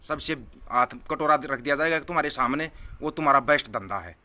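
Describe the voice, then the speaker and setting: A man delivers an angry political rant straight to his audience. His voice is forceful and tense, heated and scornful. He hammers each point by saying it twice, at a middling pitch. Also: expressive, brisk. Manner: scornful, heated, repeats phrases for emphasis. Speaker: political vlogger answering viewer comments.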